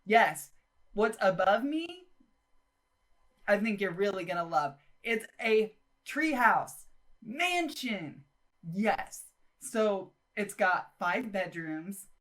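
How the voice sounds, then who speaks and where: With music behind her, a woman running a video channel gives a chatty, enthusiastic voice-over about a game build. Her voice is medium in pitch and fairly bright, and she speaks casually but emphatically.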